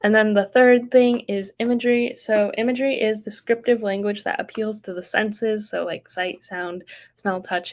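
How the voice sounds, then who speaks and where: A young woman leading an online writing workshop, explaining casually with many ums and likes over a video call. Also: medium pitch.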